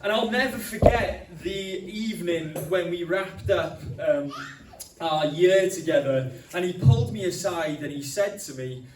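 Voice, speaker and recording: Preaching in a church hall, a young man from Wales speaks a little slowly in a high voice, chatty and story-driven, with lots of ums. A handheld mic was used, but the recording comes from a distance, echoing through the hall amid background noise.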